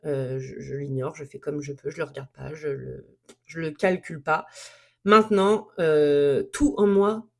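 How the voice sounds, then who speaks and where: A woman's voice: sits low, steady tone, a little slow, creaky. A woman recording a candid solo monologue about her pony, speaking frankly and from the heart, often repeating herself as she works through her feelings. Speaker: pony owner recording a podcast episode. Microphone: self-recorded.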